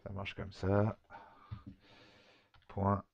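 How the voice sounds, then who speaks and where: A man talking through a screen-recorded software tutorial, hesitant, with many fillers and restarts. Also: low voice, normal speed, no echo, dull audio. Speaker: tutorial maker.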